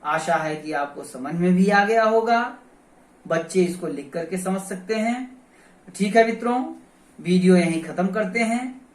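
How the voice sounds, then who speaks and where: Slow, methodical teacher in an echoey room. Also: medium pitch. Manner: methodical, repeats each sound aloud to demonstrate. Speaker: grammar teacher. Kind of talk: explaining pronunciation in a lesson. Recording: roomy echo, voice from a distance.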